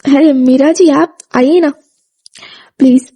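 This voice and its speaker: Storybook: a woman doing a friendly young woman, polite and affectionate, high and soft. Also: takes it slowly.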